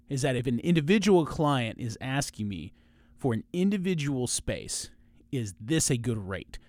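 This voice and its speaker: Lawyer-host, male, mid-pitch, dry close sound, steady explainer who restarts phrases. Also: no echo. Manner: measured, explanatory, with frequent restarts. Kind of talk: informational podcast monologue.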